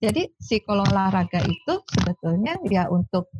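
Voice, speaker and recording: A woman, a sports psychologist telling lively stories in a casual interview. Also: medium pitch, normal speed, muffled recording, a little hiss or hum. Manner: animated storyteller, acts out quoted dialogue.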